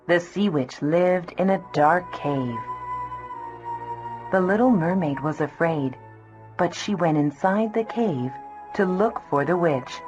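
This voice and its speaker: A woman narrating a children's storybook in a slow, gentle, clear reading. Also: fairly low pitch, lively intonation. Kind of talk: scripted storybook narration for kids. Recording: dull lo-fi with soft music.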